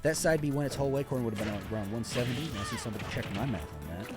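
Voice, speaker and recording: A man's voice: medium pitch, animated, racing. Talkative male esports caster over music. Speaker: esports commentator, also a player. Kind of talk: live esports play-by-play commentary. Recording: music behind the voice.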